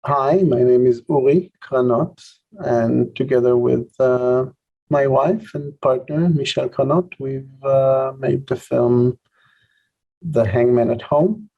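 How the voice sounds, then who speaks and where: A man with a gravelly voice, speaking slowly and in a measured way as he introduces his film. The audio is dull and lo-fi. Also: medium pitch, fairly even intonation. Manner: measured, with fillers. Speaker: filmmaker. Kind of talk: festival Q&A.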